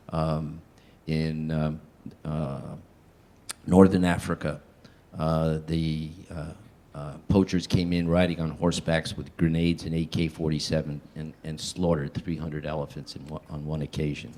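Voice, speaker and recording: Very low-voiced, even-toned man, halting. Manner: halting, hesitant. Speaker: panel speaker. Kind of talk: informal public panel talk.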